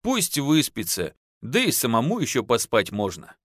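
A man voicing a gruff, cold-blooded peasant man who speaks in curt mutters. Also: mid-range voice, huge pitch swings, moderate pace, fairly bright tone, no room sound, clean studio sound.

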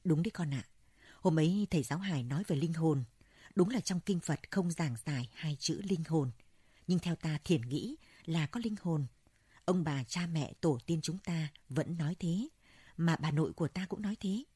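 A woman voicing an elderly male Buddhist monk who speaks in a calm, measured way. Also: deep voice, breathy edge, no echo, clean studio sound. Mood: gentle.

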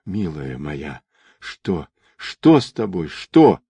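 A man's voice: fairly low pitch, sing-song, slow, a little mellow, slightly rough, no echo, full character voice. A male narrator voicing a young man, urgent in danger and tender with his beloved. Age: young adult. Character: desperate young man in love.

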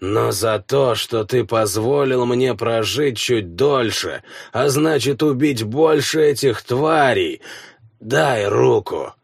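A man voicing a dying old male warlock, a village elder who speaks in slow, wheezing, strained phrases. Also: mid-range voice, lively intonation, vocal fry, husky, no echo, clean studio sound, heavily acted. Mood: bitter, grim. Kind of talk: audiobook character voice.

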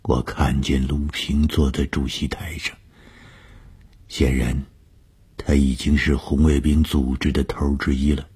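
A man narrating a first-person audiobook story, slow and often breathy, sometimes half-whispered. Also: extremely low pitch, level tone, mellow.

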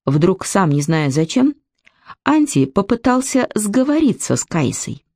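A woman narrating a story aloud in an even, measured reading voice. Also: mid-range voice, no room sound, clean studio sound. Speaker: audiobook narrator.

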